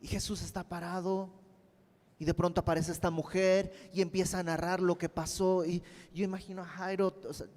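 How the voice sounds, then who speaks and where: A man teaching a Bible study verse by verse, telling the story earnestly and acting out the voices of the people in it. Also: a little high. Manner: earnest, storytelling, acts out quotes. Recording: long hall reverb.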